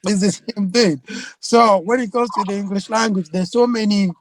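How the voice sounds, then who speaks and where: Slow-speaking high-voiced man teacher. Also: steady tone, low-quality recording. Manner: slow, explanatory, gives examples, polite. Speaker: English teacher. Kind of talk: course orientation talk.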